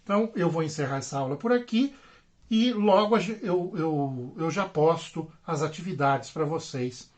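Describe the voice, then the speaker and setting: A man's voice: on the high side, lively intonation, normal speed. A Brazilian man teaching a grammar lesson online. He explains patiently and repeats himself, tags his sentences with little checks, and stretches out the example words. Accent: Brazilian Portuguese.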